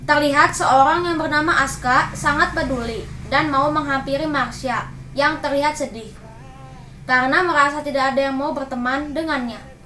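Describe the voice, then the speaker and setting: A woman with a high, bright voice reads a short Bible reflection for a school devotion. She speaks formally to teachers and classmates, one recited phrase at a time. The room around her rings with echo. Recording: echoey room.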